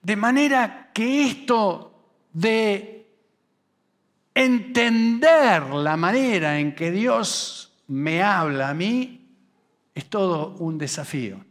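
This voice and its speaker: A man with a Rioplatense Spanish accent preaching a sermon at a youth camp. He acts out quoted voices, dropping low and quiet for asides, and slows and rises for emphasis. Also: lively intonation.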